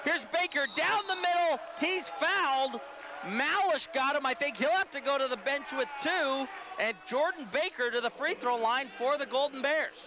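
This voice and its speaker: A man calling basketball play-by-play, rapid and excitable as he follows the action. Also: extremely high pitch, background noise. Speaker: play-by-play commentator.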